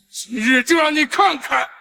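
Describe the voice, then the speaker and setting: An actor playing a menacing, mocking demon-lord villain in a fantasy drama, theatrically swinging between hiss and roar. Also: male voice, very high-pitched, creaky, bright, forceful tone, full character voice. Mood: gloating fury. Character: gloating, raging male demon-lord villain, half-step heavenly demon. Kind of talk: Chinese fantasy short-drama acting.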